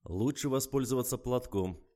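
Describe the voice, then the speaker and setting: Man voicing a calm, ironic publisher. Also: mid-range voice, moderate pace, voice pushed up, natural voice. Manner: calm, precise, lightly ironic. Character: calm, dry-witted male publisher.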